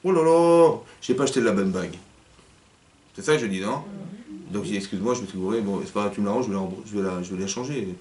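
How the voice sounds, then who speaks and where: A man teaching a lively interactive class as a rabbi, acting out little scenes and putting questions to his listeners. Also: on the low side, racing, slight background noise. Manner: animated, acts out little scenes, questions the audience. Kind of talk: lively interactive Torah lesson. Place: community hall. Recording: echoey room, mic at a distance.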